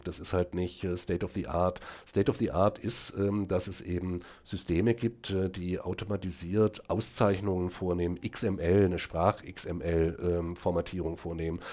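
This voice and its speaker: A middle-aged man speaks as a guest on a podcast, his voice sitting fairly low. He keeps stopping to hunt for words with "äh" and "ähm". Then he drives his arguments home with firm emphasis. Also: a little mellow. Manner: hesitant with many fillers, then emphatic. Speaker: guest, speech technology researcher. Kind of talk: podcast conversation.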